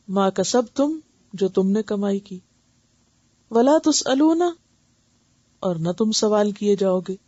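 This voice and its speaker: A woman teaching Quran recitation and tajweed, patiently explaining each point and demonstrating letter sounds slowly, often checking that listeners follow. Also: mid-range voice, warm tone, no room sound. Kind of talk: tajweed lesson with translation. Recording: dull dry lo-fi recording.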